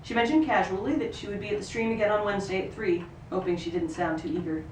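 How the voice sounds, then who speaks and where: Reading a novel passage at a live event, an actor speaks fast at medium pitch, narrating in the third person with expressive flair and occasional stumbles. The venue is roomy, the microphone is distant, and there's noisy ambience.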